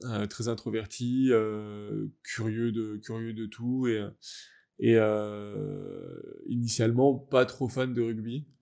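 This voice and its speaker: A young adult French man, a guest athlete in a casual interview, talking in a halting, reflective way as he searches for words. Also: on the low side, expressive, gravelly, dark tone. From France. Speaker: guest, wheelchair rugby athlete.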